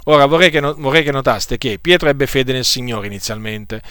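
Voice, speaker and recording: A man preaching a sermon to his congregation in a deliberate way, often pausing on hesitation fillers and repeating phrases. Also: mid-range voice, a bit bright, smooth, no room sound.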